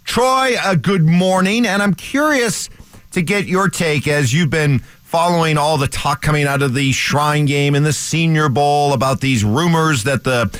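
A man hosting a morning sports radio show, upbeat and bantering quickly with his co-host. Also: fairly high pitch, fairly bright tone, no room sound.

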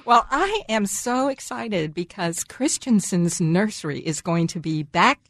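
A woman's voice: medium pitch, very animated, a little slow, a bit bright, dry recording. Chatty American woman radio host, dry sound. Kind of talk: casual radio chat.

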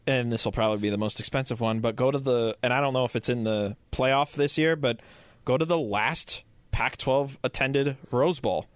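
An American man chats as a panelist on a sports podcast. His voice is mid-pitched and casual, recorded dry. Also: moderate pace, dry recording.

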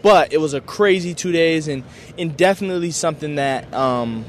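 A man's voice: on the high side, moderate pace, a little hiss or hum. A young man, a college football player, answering media day questions in an enthusiastic, grateful, casual way with lots of filler words. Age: young adult.

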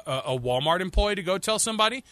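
Male radio co-host, bright and lively, rambling jokey banter, dry studio sound. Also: high-pitched, fast, dry recording. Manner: joking, rambling, restarts often.

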